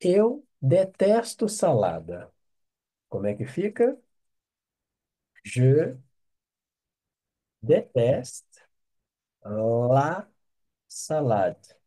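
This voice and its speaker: A man's voice: mid-range voice, sing-song, drawn-out words, pauses often, dark tone. A Brazilian man with a Brazilian Portuguese accent teaching an online French lesson, patiently drilling phrases and checking with "ok?".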